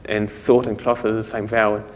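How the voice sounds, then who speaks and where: A man's voice: on the low side, little pitch movement, moderate pace, in a large hall. A man giving a conversational conference talk, explaining things step by step. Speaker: conference speaker.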